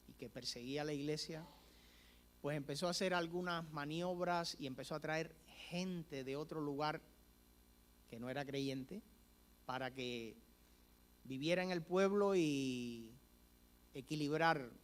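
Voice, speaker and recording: A male preacher telling a story in a sermon, acting out the dialogue at a church service. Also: a little high.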